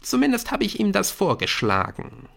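An anxious, earnest schoolboy, as a male audiobook reader puts him on, pleading and pressing his friend. The voice sits well above the reader's own, lifted high and swinging widely in pitch. It sounds urgent and worried throughout. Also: huge pitch swings, normal speed, gravelly, fairly bright tone, full character voice. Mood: worried, insistent. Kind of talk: audiobook character voice.

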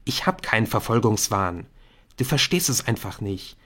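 A defensive teenage schoolboy, as a male audiobook reader voices him, dismissive and brushing off concerns. It stays close to the reader's own voice, with lively, expressive pitch. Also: normal speed. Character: defensive teenage schoolboy hooked on a secret game. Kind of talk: audiobook character voice.

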